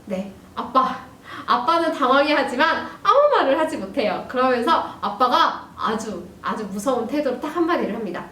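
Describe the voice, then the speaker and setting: A woman teacher giving a recorded lesson to young students, talking gently and addressing them directly. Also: high-pitched, lively intonation, normal speed, hardly any pauses. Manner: gentle, addresses students warmly, frequent "ja" fillers. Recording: roomy, distant mic, faint hiss.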